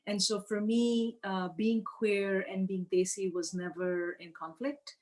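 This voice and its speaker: A woman from Karachi who works as a professor, talking about her life in a soft, hesitant, conversational way. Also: mid-range voice, flat delivery, measured pace. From Pakistan, Karachi. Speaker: political science professor. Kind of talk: casual conversational storytelling.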